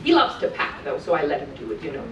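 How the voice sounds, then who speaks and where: At a children's event in an indoor cruise ship room, a woman in character as a cheerful, gentle Mrs. Claus reads a rhymed picture book in a sing-song, encouraging way, adding chatty asides. Her voice is low-pitched with big pitch swings and she talks fast, captured on a distant mic with roomy echo, faint noise, and crowd sounds.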